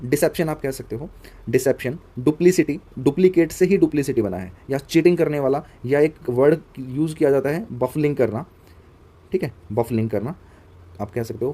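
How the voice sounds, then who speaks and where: A young man leads a vocabulary lesson for exam students. His voice is mellow and dark in tone. He talks casually, pausing to spell words out letter by letter and asking viewers to comment. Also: mid-range voice. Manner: conversational, asks viewers to comment. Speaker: teacher.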